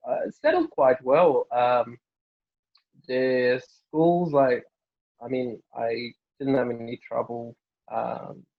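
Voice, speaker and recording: Speaking slowly in a creaky, medium-pitched voice, this young Norwegian GP fields interview questions casually, filling gaps and restarting sentences often. The recording has its highs cut off.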